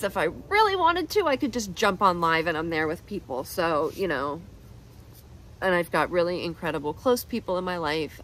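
A woman's voice: fairly low pitch, fairly bright tone, slight background noise, rough recording. A woman in her thirties talking through an emotional personal vlog, rambling and self-deprecating, close to tears. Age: 30s. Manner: rambling, tearful, self-deprecating, with nervous laughs. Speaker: vlogger.

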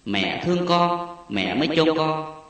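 A man voicing a grieving, starving mother who laments softly and slowly, heard from a distance in an echoey space. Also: fairly high pitch, very animated. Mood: lamenting.

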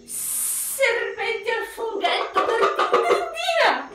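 A woman's voice: very high-pitched, big pitch swings, slow pace, pushed and bright, pitched above the performer's own voice, full character voice. Lady doing a jumpy sly snake from a kids story, distant mic. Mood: excitable. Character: sly female snake, easily frightened. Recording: roomy echo from a distant mic.

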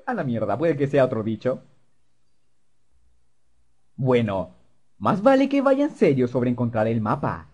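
A man's voice: medium pitch, mellow. A young man playing a horror game, swearing and joking as he reads the dialogue aloud. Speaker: gamer. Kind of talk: let's play commentary.

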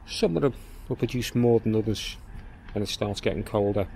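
Low-voiced man touring his garden. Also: gravelly, mellow, slight background noise. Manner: plain-spoken, unhurried, explains as he walks. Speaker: gardening vlogger. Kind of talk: casual garden tour. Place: outdoors in a walled garden.

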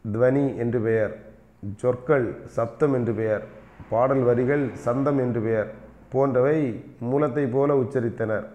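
A man teaching an exam revision lecture, reading notes aloud and slowly repeating the key terms. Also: medium pitch, highs cut off.

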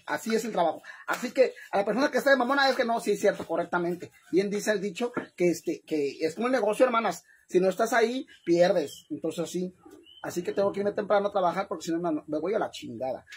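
A talkative Mexican woman chatting on a livestream to her followers. Her pitch sits in the middle for a woman, and her talk is lively and full of laughs. A faint noise sits under her voice. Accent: Mexican Spanish. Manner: chatty and animated, laughing often, repeatedly addressing viewers as "hermanas". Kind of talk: casual livestream chat to followers.

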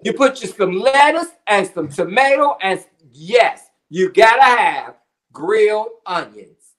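Speaking slowly with lively intonation, a middle-aged cooking show contestant walks through a recipe from his home kitchen on a webcam video call. His voice sits high with a bit of brightness, and he keeps it jokey, dropping slang and puns throughout.

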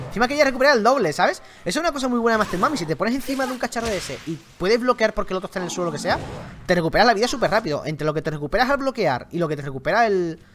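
Excitable young man from Spain, lively pitch. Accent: Spain Spanish. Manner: excitable, chatty, slangy, talks to viewers. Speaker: gaming YouTuber. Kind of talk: live gameplay commentary. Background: game music.

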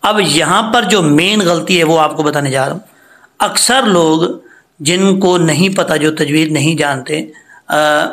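A man teaching recitation rules patiently, step by step, and chanting slow examples. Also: fairly high pitch, a bit bright. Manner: patient, explains step by step, then chants slowly. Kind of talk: tajweed lesson with recited examples.

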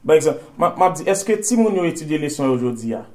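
A man with a Haitian accent teaching English grammar to a class, drilling phrases slowly for students to repeat. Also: fairly high pitch, big pitch swings, darkish tone.

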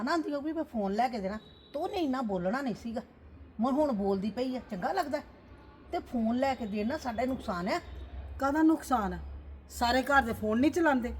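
A woman's voice: fairly high pitch, slight background noise, lightly acted. A woman playing a stern grandmother who scolds and lectures in a family drama. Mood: reproachful. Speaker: actor.

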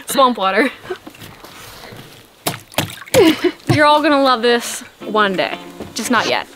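A woman's voice: fairly high pitch, sing-song, slow pace. A woman in her thirties giving a casual, laughing walking tour of her forest cabin homestead, filmed on a handheld camera at arm's length outdoors. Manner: giggly, self-deprecating, laughs often. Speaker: vlogger.

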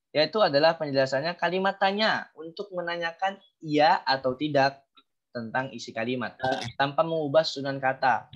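Man teacher, online class, relaxed and encouraging, dull lo-fi call audio. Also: mid-range voice. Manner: casual and encouraging, prompting students to answer. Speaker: Japanese language teacher.

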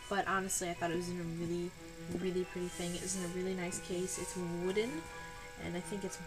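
Sitting in a dark room at home, this twenty-something vlogger from Buffalo, New York, rambles apologetically through a haul video, nasal, tired and a little sick. She speaks fast and flatly in a lowish voice, with music in the background.

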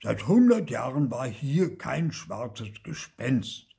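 A man's voice: mid-range voice, big pitch swings, slow pace, vocal fry, dark tone, slightly rough, pitched above the performer's own voice, exaggerated voice. A man voicing a big, stern old uncle ghost who speaks in a pompous, indignant tone.

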